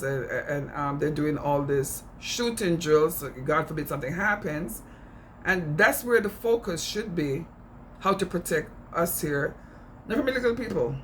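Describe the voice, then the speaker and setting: Gravelly middle-aged man with a Jamaican accent. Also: a little high, a bit bright, a little hiss or hum, poor audio. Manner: earnest, emphatic, repeats phrases for stress. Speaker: speaker on immigration issues. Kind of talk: impassioned informal commentary.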